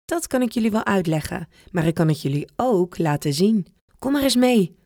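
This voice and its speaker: A cheerful old grandpa inventor with a secret up his sleeve, as a woman reading a storybook puts him on. He talks brightly, a little above the reader's own voice, and the sound is dry and close. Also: medium pitch, expressive, moderate pace, no echo. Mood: lively. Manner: cheerful, conspiratorial, sometimes grumbling. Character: playful grandpa inventor, near retirement, secretive.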